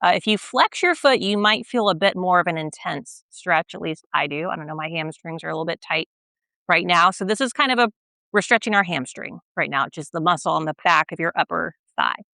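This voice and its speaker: A young woman guiding a stretching routine, gentle and patient, often checking in with the listener and a little out of breath as she stretches along. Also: lowish voice, lively intonation, a little fast, creaky, no room sound. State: slightly out of breath while stretching. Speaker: stretching instructor. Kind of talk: guided exercise instruction.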